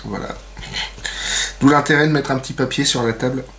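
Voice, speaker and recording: A man's voice: medium pitch, fairly even intonation, brisk, fairly bright tone, slight background noise. A man hosting a casual nail art tutorial, chatty and full of fillers, with playful self-mocking asides. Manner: chatty, many fillers and "donc". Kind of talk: casual how-to demonstration.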